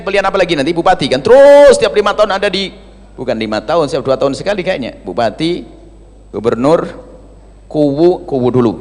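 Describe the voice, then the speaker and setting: A man preaches a religious sermon in a fairly high, lively, emphatic voice. He alternates between loud, stressed phrases and quiet asides. The audio carries a long reverb like a large hall.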